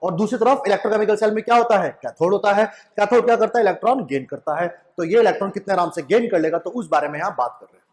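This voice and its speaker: A young male chemistry teacher lectures students at a whiteboard in a high voice, speaking very fast. He repeats his questions back to the class, frequently asks "right?", and mixes in English phrases.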